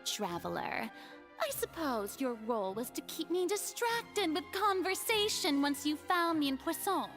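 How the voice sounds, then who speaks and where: Dramatic young goddess, high voice, lively swoops, poised and measured, video game dialogue. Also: female voice, soft background music, heavily acted. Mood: composed. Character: proud theatrical young woman, a deposed goddess.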